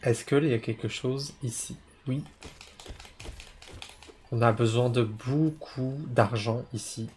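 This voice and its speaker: A man's voice: mid-range voice, steady tone, slow, pauses often, a little mellow, slight background noise. A man playing a video game while chatting casually and stopping to explain words for language learners, often correcting himself. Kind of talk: casual gameplay commentary for learners.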